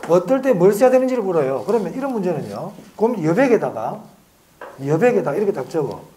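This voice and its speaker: A male lecturer with a high, bouncing voice that rises and falls widely as he teaches. He fires short questions at his students and answers them himself, drawing out important terms slowly so they sink in. The delivery is a brisk exam-prep class. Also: very animated, dark tone, slight background noise. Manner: drills students with quick repeated questions; stretches key phrases slowly for emphasis.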